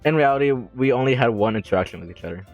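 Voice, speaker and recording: A man's voice: medium pitch, animated, rapid-fire, dull audio, soft background music. A young man reading a visual novel aloud into a desk mic, adding rambling, self-deprecating comments and frequent giggles. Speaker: let's play gamer.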